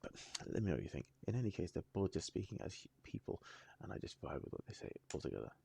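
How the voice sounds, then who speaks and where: A man with a low, dark voice and a husky edge hosts a casual reaction video. He thinks out loud in halting, rambling sentences, circling back and restarting as he goes. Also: big pitch swings. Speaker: music reaction channel host.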